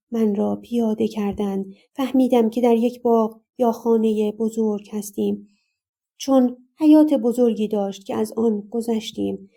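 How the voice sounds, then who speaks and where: Somber woman narrating a dark audiobook. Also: fairly high pitch, vocal fry. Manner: somber, steady storytelling. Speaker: author and narrator. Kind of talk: first-person audiobook narration.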